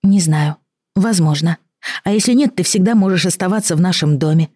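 A woman doing a calm, matter-of-fact girl. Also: lowish voice, a little fast, no room sound, clean studio sound, voice pushed up, lightly acted. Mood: soothing. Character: calm, practical girl with a bow.

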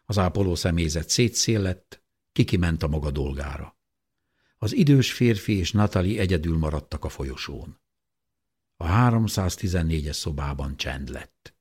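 A man reading an audiobook with steady, measured narration. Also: low-pitched, husky. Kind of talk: scripted narration.

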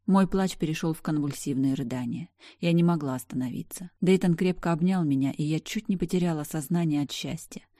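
A woman narrating a story in first person, reading with expressive emotion. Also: low-pitched, a little fast, hardly any pauses, dry recording, clean studio sound.

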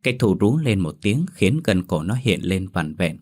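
Lively low-voiced man narrating horror. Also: moderate pace. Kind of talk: dramatic horror story narration. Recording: faint music behind.

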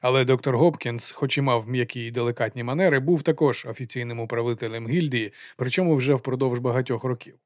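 A man narrating an audiobook in a calm, even reading voice. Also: mid-range voice, fast, few pauses, no room sound, clean studio sound.

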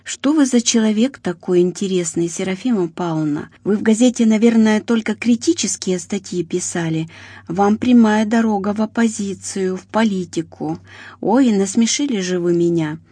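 A woman voicing a good-humored male police investigator in an audiobook, speaking warmly and teasing lightly, in a mellow, husky voice. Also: mid-range voice, moderate pace, no room sound, lightly acted. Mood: amused. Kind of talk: audiobook reading.

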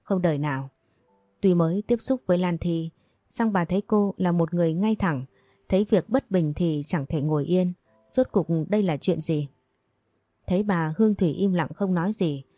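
Woman reading a romance story out loud, low mellow voice, dry close sound. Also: normal speed, no room sound, soft background music. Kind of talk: scripted narration of a romance story.

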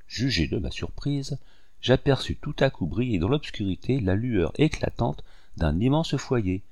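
A man reading as a sneering English gentleman. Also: on the low side, no room sound, clean studio sound. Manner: sneering, courteously haughty. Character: cold, mocking English gentleman conspirator.

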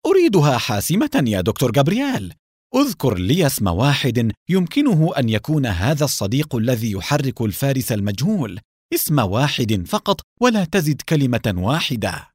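A man's voice: on the low side, very animated, brisk, a little mellow, no room sound, studio quality. A man reading a story aloud and voicing an angry young police captain who talks sharply and defiantly.

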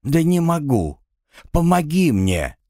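A man's voice: a little high, very animated, slow pace, mellow, no echo, studio quality, pitched above the performer's own voice. A man doing a grumbling drowned spirit. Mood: pleading. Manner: complaining, exasperated. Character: drowned man's spirit, grumbling, self-pitying, wry. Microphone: close studio mic.

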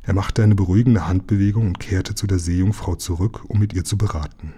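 A man reading a children's book aloud, telling it calmly and evenly. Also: low voice, brisk, slightly rough. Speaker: narrator.

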